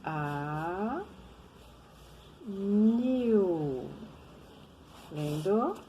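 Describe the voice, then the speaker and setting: A Brazilian woman teaching reading, sounding out words syllable by syllable in a patient, drawn-out way. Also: mid-range voice, expressive, warm tone, a little hiss or hum, poor audio. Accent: Brazilian Portuguese. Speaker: literacy teacher. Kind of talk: slow syllable-by-syllable reading lesson.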